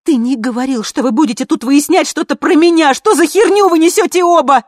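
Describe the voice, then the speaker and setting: A woman's voice: high voice, fairly quick, dry recording, clean studio sound, pitched above the performer's own voice, lightly acted. A woman voicing a dead sixteen-year-old girl who screams, cries and swears in a storybook. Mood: shrieking rage. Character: dead teenage girl, shrieking and furious.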